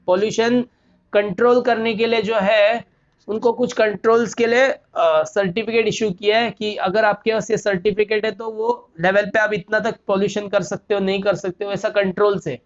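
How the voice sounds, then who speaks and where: A man's voice: high-pitched, fairly even intonation, normal speed. Male commerce lecturer, rhetorical questions, repeats key terms, muffled lo-fi audio. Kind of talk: classroom lecture. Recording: dull lo-fi recording.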